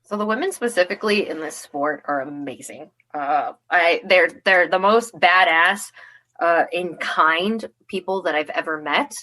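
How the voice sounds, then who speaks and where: A woman's voice: on the low side, unhurried, bright, forceful tone. A young adult woman from the United States, a combat athlete chatting in an interview, upbeat with many restarts. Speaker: guest, armored combat athlete. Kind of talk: casual interview.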